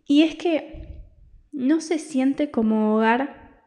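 A woman's voice: sits high, very slow, mellow. Confiding Argentine woman, rambling. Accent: Argentine Spanish. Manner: rambling, many restarts, confiding. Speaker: podcast host. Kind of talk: personal reflective monologue.

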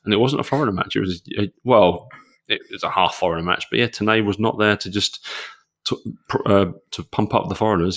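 A British man co-hosting a podcast, talking in a casual, conversational way. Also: lowish voice. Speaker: podcast co-host. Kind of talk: casual chat.

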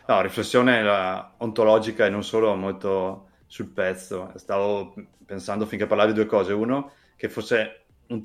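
A man hosting a podcast interview, affirming his guest and adding musing asides. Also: lowish voice. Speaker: podcast host.

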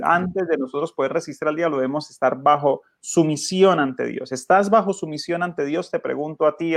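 A man's voice: fairly high pitch, dry recording. Male pastor, earnest and emphatic sermon delivery, dry close mic. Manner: earnest, emphatic, rhetorical questions to listeners. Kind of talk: radio Bible study preaching.

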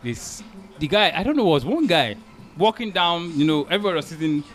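Animated Nigerian man telling stories. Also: on the high side, a little fast. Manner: animated storyteller, rises loud when excited. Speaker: podcast co-host. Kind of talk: casual chat.

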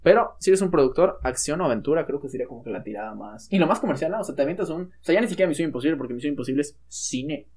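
A man's voice: on the high side, lively intonation, darkish tone, husky. A young man with a Mexican accent, co-hosting a casual film podcast with a joking, slangy manner. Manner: joking, slangy, quick back-and-forth. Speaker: podcast co-host.

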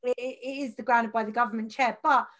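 Bright, high-voiced chatty woman podcast host. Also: fairly even intonation, brisk. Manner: chatty, laughs often, many fillers. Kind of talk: casual podcast chat.

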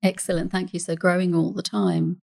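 A woman counsellor hosting a podcast, speaking in a calm, measured way with carefully chosen words and an English accent. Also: lowish voice, vocal fry.

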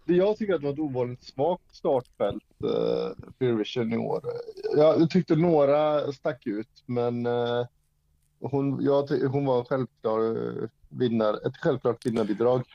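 A man's voice: mid-range voice, animated, vocal fry, mellow, no room sound, lo-fi sound. A man co-hosting a podcast in casual chat, easygoing and agreeable. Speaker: podcast co-host.

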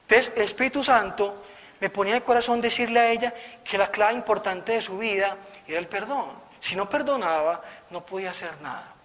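A man tells a religious testimony in a high, bright voice. He is a lively storyteller who slips into the voices of the people in his story. A long reverb from a hall follows his words. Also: brisk. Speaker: preacher giving a testimony.

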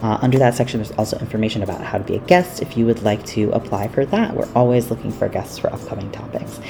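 A woman podcast host reading mid-roll announcements in a relaxed, chatty way full of ums, recorded at work away from her usual setup in lower-quality audio. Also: quick pace, creaky, over music. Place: workplace, not the usual studio.

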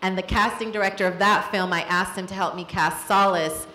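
A woman director speaks candidly at a live Q&A, taking her time with a reflective story. Her voice sits at an ordinary middle pitch. The echoey room rings around her words. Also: fairly even intonation, brisk, pushed and bright. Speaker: film director. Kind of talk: live Q&A answers.

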